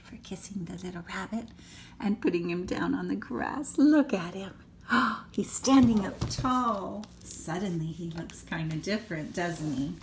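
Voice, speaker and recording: With a voice on the low side, an older woman reads a storybook to children, slipping in chatty asides. Her grandmotherly delivery is child-directed and dramatic, full of gasps and hushed comments, and a little background noise can be heard.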